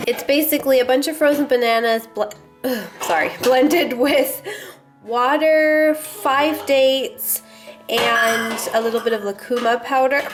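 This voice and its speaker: A young woman vlogging casually about her food, chatty and rambling, with the hiccups. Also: fairly high pitch.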